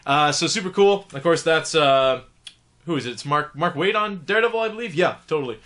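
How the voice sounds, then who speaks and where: A young man with a bright, forceful voice, rattling quickly through the week's comics. He sounds a bit sick from the flu but stays eager and chatty, with plenty of "uh"s. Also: fairly high pitch. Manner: enthusiastic, chatty, lots of fillers. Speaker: comic book podcast host. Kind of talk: casual video review of weekly comics.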